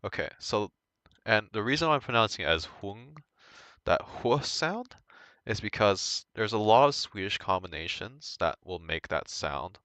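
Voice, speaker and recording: A young man giving an informal language lesson, thinking aloud in a halting way and correcting himself as he goes. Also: lowish voice, lively intonation, pushed and bright, no echo. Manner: hesitant, halting, self-correcting. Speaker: language tutor.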